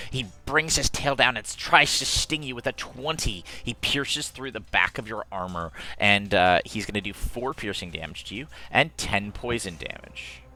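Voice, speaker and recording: A man's voice: medium pitch, bright, forceful tone. A man running a tabletop game as game master, chatty and laughing, with many fillers.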